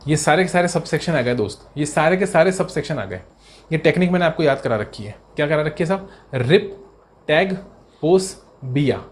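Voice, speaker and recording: A man teaching an exam-prep tax lecture in a brisk, chatty way, mixing Hindi with English terms and reading legal text slowly. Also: a little high, darkish tone.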